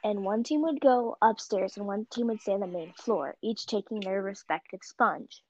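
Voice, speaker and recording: A teenage girl chatting casually and telling stories with lively gasps and laughs. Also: medium pitch, moderate pace. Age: teens. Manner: animated storytelling with gasps. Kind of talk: casual chat. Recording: dull lo-fi mic.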